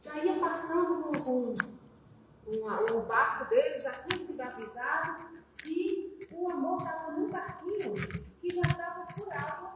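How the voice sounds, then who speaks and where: High-voiced woman preaching in echoey hall. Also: unhurried. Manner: expressive, addresses listeners as brothers. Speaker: spiritist speaker. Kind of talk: sermon with parable storytelling. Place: spiritist center hall. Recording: echoey hall, distant mic, noise.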